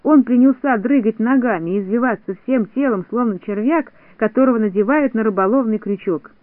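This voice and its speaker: A man narrating a children's storybook in a clear, even storytelling manner. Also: very high voice, a little fast, dry recording, phone-quality sound. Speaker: audiobook narrator.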